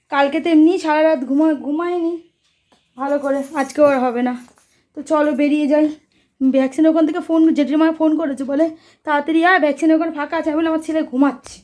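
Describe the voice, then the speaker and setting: A young mother with a high-pitched, dark-toned voice chats on a casual home vlog. She is sleep-deprived, so her talk wanders anxiously with plenty of restarts.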